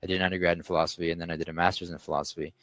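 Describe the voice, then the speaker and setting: A talkative young Canadian, founder of a restaurant tech company, speaks casually on a podcast about his business and life, full of restarts and fillers. He talks rapid-fire in a low voice with a level, fairly bright tone, and there's no echo.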